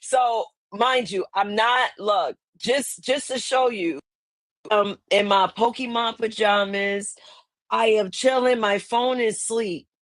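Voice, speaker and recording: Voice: mid-range voice, slow pace, no room sound. A laid-back podcast host talking casually from home through wireless earbuds, the voice chopped and thinned by noise cancellation. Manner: laid-back, rambling, loud exclamations. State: sleepy, just out of bed. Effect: voice clipped by earbud noise cancellation. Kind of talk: casual chat. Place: home, at a computer.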